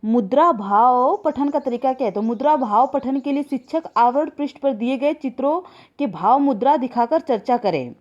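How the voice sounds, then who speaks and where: A woman's voice: high voice, lively intonation, normal speed, highs cut off. A woman teacher reading out exam questions, each one twice, then explaining them with simple examples. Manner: addresses viewers as friends.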